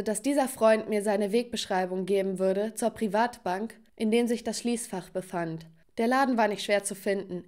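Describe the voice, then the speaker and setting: A woman narrating a first-person story for an animated storytime video and addressing the viewers. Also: mid-range voice.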